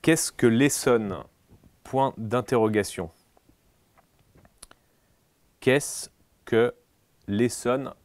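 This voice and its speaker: A man playing an examiner in a comic dictation sketch, slow and solemn, repeating every phrase and speaking out the punctuation. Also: medium pitch, darkish tone, no echo.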